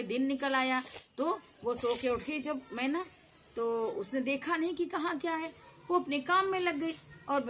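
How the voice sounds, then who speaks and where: A woman with a high voice tells a children's folk tale. She is animated and brings in sound effects, and her tone is bright and forceful. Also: a little hiss or hum. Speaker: storyteller.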